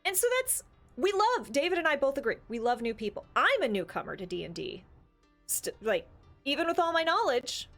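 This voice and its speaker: Her voice sits high and fairly bright, brisk, with big pitch swings, and faint music plays behind her. As a podcast co-host in a casual, opinionated talk, she speaks emphatically and at length, piling up rhetorical questions into long explanations.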